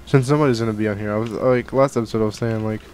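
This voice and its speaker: A young gaming channel host catching a cold races through casual Minecraft let's play commentary in a lowish, slightly mellow voice with fairly even intonation. His rambling from a home gaming room is full of fillers and restarts. The headset and desk studio mic add a little hiss or hum.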